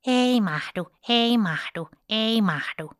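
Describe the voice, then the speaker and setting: A woman's voice: fairly high pitch, expressive, close to an everyday voice. A woman voicing a playful little sibling in a storybook tale, chanting in a singsong way. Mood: teasing.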